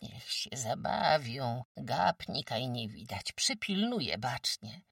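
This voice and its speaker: A woman's voice: extremely low pitch, sing-song, slow pace, creaky, a bit bright, husky, no echo, clean studio sound, recorded from a distance, voice pushed up, exaggerated voice. A woman voicing a frail, sick old peasant woman who talks weakly and apologetically in rustic speech. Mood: meek, grateful.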